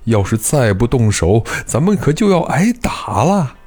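A man's voice: mid-range voice, very animated, normal speed, mellow, husky, faint music behind. A male storyteller voicing a loyal adviser who presses his lord urgently and bluntly. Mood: pleading.

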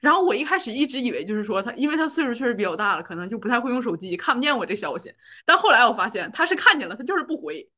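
A young woman talking fast in a bright, clear, fairly high voice. She co-hosts a casual podcast and wanders through her thoughts with lots of fillers and restarts. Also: very animated. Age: 20s. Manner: rambling, full of fillers and restarts. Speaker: podcast co-host. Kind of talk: casual personal chat.

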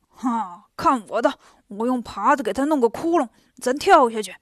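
Woman voicing a loud blustering pig demon. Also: on the high side, expressive, normal speed, no echo, clean studio sound. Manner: yelling, blustering. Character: clumsy loud male pig demon, boastful.

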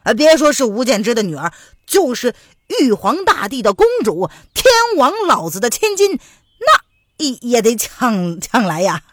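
A woman's voice: medium pitch, lively intonation, measured pace, no echo. A woman voicing a fawning, cowardly male gang boss who stammers and grovels.

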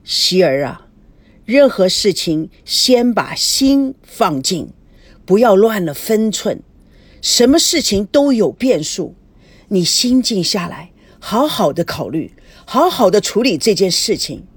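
A woman voicing a steady elderly grandfather who speaks in a measured, soothing way in a storybook reading. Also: medium pitch, breathy edge, no room sound. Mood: calm counsel.

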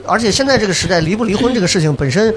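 A man's voice: sits high, rapid-fire. A middle-aged man hosting a casual podcast chat, joking and acting out quotes as he tells stories. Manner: joking, animated storyteller who acts out quotes. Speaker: podcast host.

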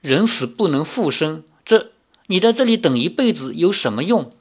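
Man doing an earnest young hero, coaxing, gentle, lively pitch, audiobook story. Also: moderate pace, husky, full character voice. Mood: pleading.

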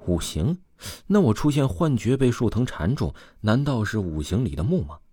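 A man voicing a cocky young man who blusters and shouts when frightened. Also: mid-range voice, big pitch swings, normal speed, husky, dry recording, studio quality. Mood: puzzled. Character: young man, cocky but easily scared.

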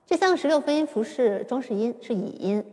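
A woman giving a patient, step-by-step piano lesson, explaining slowly with occasional fillers. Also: fairly high pitch, lively intonation, dark tone. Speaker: piano teacher. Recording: long reverb with piano. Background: piano played at times.

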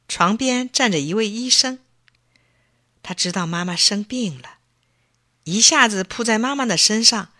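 Slow, lively older woman storyteller. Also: mid-range voice, no echo, clean studio sound. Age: 60s. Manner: slow, expressive reading. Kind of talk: children's story narration.

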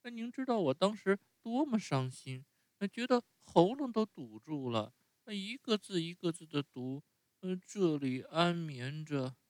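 A man voicing an eager, excitable wooden puppet boy in a high squeaky voice, often starting with a hesitant "uh". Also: measured pace, dry recording. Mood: pleading. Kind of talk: bedtime story reading.

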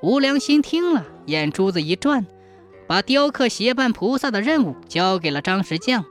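Lively folk-tale narrator, faint instrumental bed. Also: mid-range voice, normal speed, soft background music. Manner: dramatic, expressive. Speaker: storyteller.

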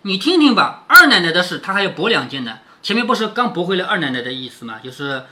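A man's voice: on the high side, pushed and bright. A man reading a classic novel aloud and explaining it, often asking rhetorical questions. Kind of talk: storytelling with explanations.

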